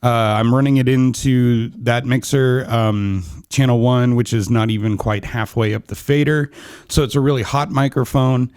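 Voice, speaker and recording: A man in his thirties reviews microphones in a small home studio as a podcast gear reviewer, speaking close into a boom-arm condenser mic with no pop shield. He's chatty and relaxed, full of ums and restarts, with a medium-pitched clean voice at normal speed in a dry recording.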